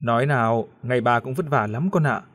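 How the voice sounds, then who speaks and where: A man's voice: medium pitch, fairly quick, fairly bright tone, natural voice. A man doing a coaxing, scheming father. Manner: coaxing and wheedling, turning to harsh threats. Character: manipulative middle-aged father, sweet-talking and menacing.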